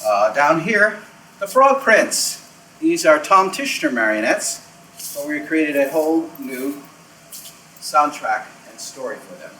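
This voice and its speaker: Speaking slowly in a fairly high voice, the puppet theater's tour host guides visitors through backstage areas and storerooms indoors. He's animated and showy, repeating things for emphasis in an off-the-cuff way, captured on an echoey, far-off mic with noise behind him.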